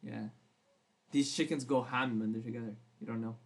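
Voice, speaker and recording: A man's voice: medium pitch, fairly even intonation, brisk, breathy edge. A young man co-hosting a casual podcast chat, playful and teasing, swearing often. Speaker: podcast co-host.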